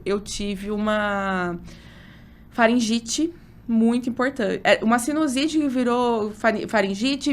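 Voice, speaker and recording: An obstetrician in her thirties, appearing as a guest in a relaxed interview, shares a personal story. Her medium-pitched delivery is emotional and lively, packed with fillers, and there's a slight background noise.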